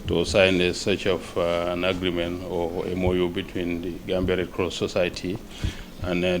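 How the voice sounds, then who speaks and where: A man giving a spoken translation voice-over for an official in a news report, halting and pausing often. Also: deep voice, noisy background. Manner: halting, with frequent "uh" pauses. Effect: translation voice-over for a foreign official. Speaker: interpreter.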